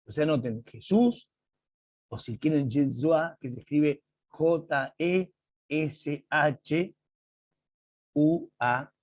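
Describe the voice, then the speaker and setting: A man teaching an online Bible class over a video call, explaining slowly and emphatically and reading quotes aloud with drama. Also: on the high side, a little mellow, no room sound, lo-fi sound.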